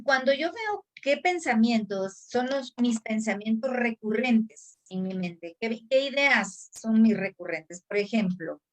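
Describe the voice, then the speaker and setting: A woman hosting a conversation on mental health, explaining ideas and acting out a harsh inner critic in quick asides. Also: fairly high pitch.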